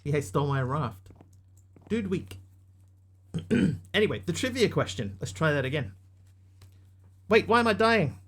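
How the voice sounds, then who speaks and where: A Kiwi guy with a New Zealand accent is livestreaming a game, casually reading his viewers' messages aloud and replying to them. His voice sits a little high and swings widely in pitch, with an unhurried pace, long pauses and a slightly bright tone. There's a bit of background noise.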